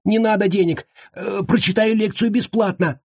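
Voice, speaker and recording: A squeaky, trembling wild man from a storybook, chattering without pause and pleading in high, jumpy bursts. The voice leaps well above the reader's own, with a husky edge and a dry, close sound. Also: animated, darkish tone, no echo. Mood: frightened, babbling. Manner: squeaky, trembling, babbling nonstop.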